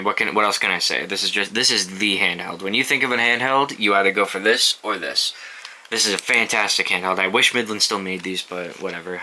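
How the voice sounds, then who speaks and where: Against background noise, a young man with a fairly low voice shows off his weather radios in a laid-back review. He's casual and offhand, cursing occasionally, with plenty of ums and false starts.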